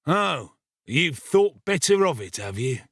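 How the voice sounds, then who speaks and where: A man voicing a savage, sick, ill-tempered criminal in an audiobook, with a gruff, growling, impatient delivery. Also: medium pitch, expressive, a little slow, fairly bright tone, dry recording, clean studio sound, voice pushed up, heavily acted. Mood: grudging threat. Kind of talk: dramatised audiobook reading of a classic novel.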